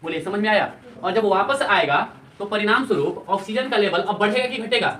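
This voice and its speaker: A man's voice: sits high, brisk, sharp tone. A male teacher giving a classroom lecture, constantly quizzing his students and repeating their answers. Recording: echoey classroom, distant mic, students heard.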